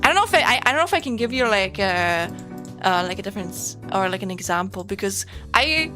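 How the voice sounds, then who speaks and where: A woman's voice: mid-range voice, very animated, fast, sharp tone. A young woman from West Germany with a German accent, chatting casually and rambling with many fillers on a stream, music playing behind her. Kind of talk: casual chat.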